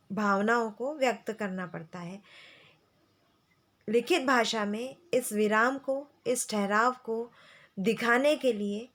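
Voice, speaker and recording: A woman teacher explaining grammar to schoolchildren, slow and patient, repeating key phrases. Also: on the high side. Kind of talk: classroom lesson explaining grammar.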